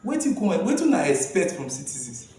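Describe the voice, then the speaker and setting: A man's voice: a little high, sing-song, quick pace, mellow. A man with a Nigerian accent co-hosting a conversational civic discussion in Nigerian Pidgin. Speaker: co-host of a citizens' rights programme. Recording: very echoey room, distant from the mic.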